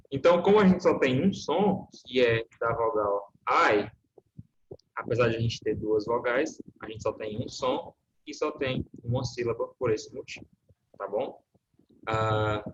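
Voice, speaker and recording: A man's voice: mid-range voice, muffled recording, a little hiss or hum. A man, an English teacher, explaining lessons in an online class and checking in often with his student. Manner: patient, checks in with frequent "né?" and "tá?".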